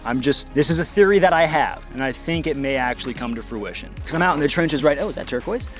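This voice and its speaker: A man's voice: on the high side, animated, fast talker, soft background music. A man talking casually and informally to camera as a vlog host, outdoors, with plenty of slang. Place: outdoors in trenches at a shooting range.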